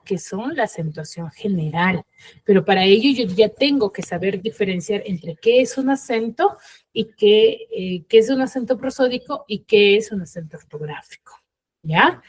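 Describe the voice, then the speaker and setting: A woman's voice: mid-range voice, darkish tone, slight background noise. A woman teacher explaining a grammar lesson in an online class, checking in often with short questions. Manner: explains step by step, checks in with frequent "¿sí?". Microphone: video call.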